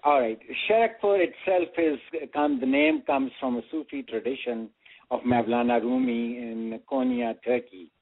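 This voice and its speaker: A man's voice: medium pitch, moderate pace. An older man from Pakistan, a radio interview guest who rambles and hesitates with many fillers. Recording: phone-like radio audio.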